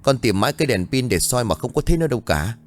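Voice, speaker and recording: A man's voice: mid-range voice, big pitch swings, faint music behind, voice pushed up, natural voice. A man voicing a flustered young son who hurriedly calls for his mother in a spoken ghost story. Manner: urgent, rushed.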